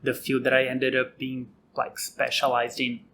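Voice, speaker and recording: A Brazilian man in his thirties explains his path with a bright, forward tone and a steady sprinkle of "like". His English carries a Brazilian accent. A faint hiss sits under the recording. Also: mid-range voice, normal speed. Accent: Brazilian Portuguese. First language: Portuguese. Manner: frequent "like" fillers. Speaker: guest researcher. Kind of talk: casual interview answers.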